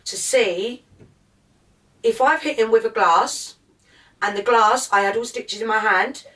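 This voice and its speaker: A woman with an Essex accent talks as a podcast guest, reliving events in a rapid present tense. She swears freely and gets fired up. Her voice sits a little distant from the microphone, in the middle of a woman's range. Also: mid-range voice, fairly bright tone. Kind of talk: casual interview, recounting events.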